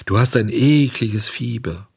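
A man reading a storybook aloud, voicing a kind, solemn little marmot who speaks slowly and soothingly. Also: medium pitch, gravelly, a little mellow, husky, no room sound, clean studio sound, voice pushed up. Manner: slow, soothing, lecturing.

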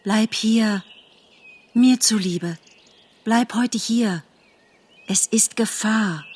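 A woman's voice: mid-range voice, extremely slow, darkish tone, breathy edge, voice pushed up. A woman voicing a frightened young doe who pleads urgently. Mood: pleading.

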